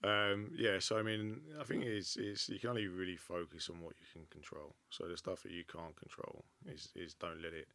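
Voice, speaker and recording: A man's voice: sits low, little pitch movement, normal speed, few pauses, sharp tone, no echo. A businessman with an Essex accent answering interview questions casually, hesitant and full of fillers and restarts. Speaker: company founder and CEO.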